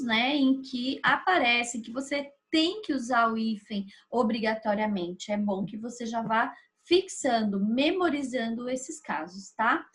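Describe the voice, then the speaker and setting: A woman's voice: on the high side, a bit bright. A woman teacher with a Brazilian Portuguese accent, patiently explaining a grammar lesson step by step and checking in with her students. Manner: patient, explaining step by step with frequent tag questions.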